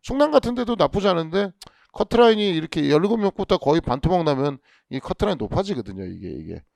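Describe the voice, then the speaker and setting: A man's voice: a little high, sing-song, fast talker, creaky, darkish tone, dry recording. A man, a police exam instructor, lecturing casually, with rhetorical questions and frequent restarts.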